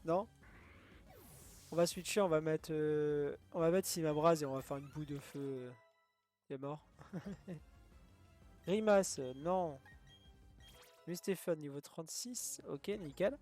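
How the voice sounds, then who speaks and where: Chatty guy playing a video game, talks thru his moves, kinda high voice, faint music behind. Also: slow pace, long pauses, a little mellow. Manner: chatty, thinks aloud, laughs often. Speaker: gaming youtuber. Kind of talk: let's play commentary.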